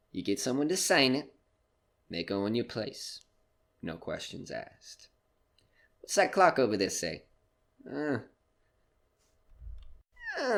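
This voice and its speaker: In an audio horror drama, a man plays a sly supernatural debt collector, genial but menacing, drawling and teasing with casual pauses. His voice is mid-range with vocal fry.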